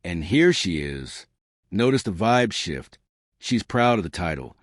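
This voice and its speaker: A man's voice: low voice, big pitch swings, measured pace, no echo. A man narrating a scripted commentary with dramatic rhetorical questions.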